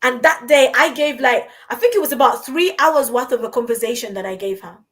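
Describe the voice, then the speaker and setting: A woman's voice: a little high, a little fast. A woman from Uganda hosting a podcast, talking in an earnest, encouraging way and often repeating her words. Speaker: podcast host. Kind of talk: conversational podcast talk. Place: London.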